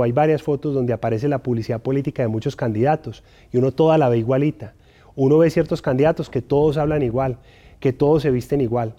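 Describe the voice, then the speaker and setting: A man giving a recorded lesson, talking in a measured way with frequent fillers and addressing the listener directly with advice. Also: medium pitch, warm tone. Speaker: instructor. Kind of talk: recorded lecture. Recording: dull, lo-fi audio.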